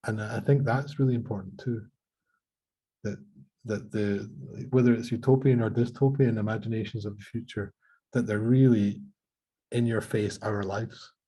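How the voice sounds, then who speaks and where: A man's voice: on the low side, steady tone, moderate pace, mellow, slightly rough. A middle-aged Scottish man from central Scotland, speaking on a conference panel in a thoughtful, hesitant way with many restarts. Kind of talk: panel discussion.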